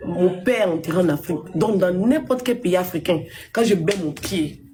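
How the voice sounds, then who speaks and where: A woman's voice: lively intonation, normal speed, dark tone, faint music behind. Indignant woman ranting on a live stream. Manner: indignant, scolding, full of rhetorical questions; sudden high exclamations. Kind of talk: social media livestream rant.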